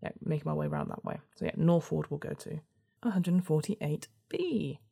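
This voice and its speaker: A woman's voice: sits low, normal speed, gravelly, mellow, slightly rough. A woman narrating a gamebook adventure in a storybook reading style, with casual asides as host.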